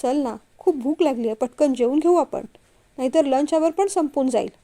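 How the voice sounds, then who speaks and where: A woman voicing a gentle young woman in a storybook reading, speaking softly and coaxingly to the man she loves. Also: sits high, expressive, moderate pace. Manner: soft, coaxing. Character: gentle, apologetic young woman, office employee.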